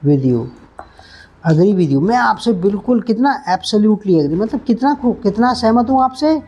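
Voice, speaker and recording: A man whose first language is Hindi runs an online vocabulary lesson at a very measured pace. He stretches out words and repeats them, and he spells each one letter by letter for his students. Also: sits high, darkish tone. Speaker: English teacher.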